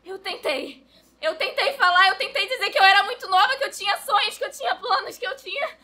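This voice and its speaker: A woman's voice: very high voice, a little fast, bright, forceful tone. A woman playing a desperate young mother overwhelmed by a crying baby, screaming and sobbing in a stage monologue. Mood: bitter anguish. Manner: screaming, sobbing and laughing in anguish.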